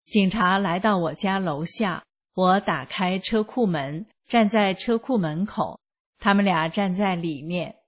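Female reader, slow, husky-toned, steady scripted narration. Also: medium pitch. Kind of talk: scripted first-person narration.

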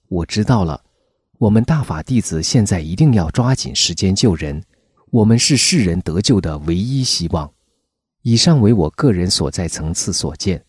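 A man's voice: low-pitched, darkish tone, breathy edge, no room sound. A man reading the close of a first-person article aloud in an earnest, lilting way. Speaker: article reader. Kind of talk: scripted reading of a testimonial article.

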